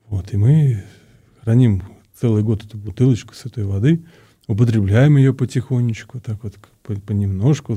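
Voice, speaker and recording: A male priest answers questions in a lowish, very soft-edged, dark voice. He speaks conversationally and haltingly, circling back over words as he looks for the right phrase. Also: slightly rough. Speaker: priest, interview guest.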